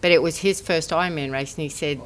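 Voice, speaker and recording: A mature woman from Brisbane, Australia, a former professional triathlete, reminisces casually in an interview. Her voice is deep and she speaks fast, with crowd noise in a rough recording.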